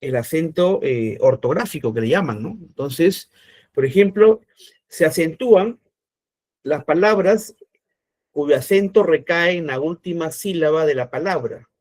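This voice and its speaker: A man's voice: on the high side, lively intonation, a little slow, darkish tone. A man teaching an online class, explaining step by step and checking in often with his students.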